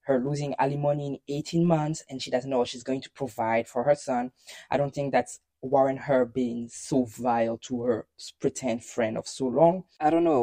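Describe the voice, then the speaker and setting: A woman with a low, mellow voice hosts a casual commentary podcast. She talks bluntly and opinionatedly. The sound is dry and the mic sits a little away from her. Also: dry recording, distant mic. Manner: opinionated, blunt, rising to exasperated outbursts. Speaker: podcast host.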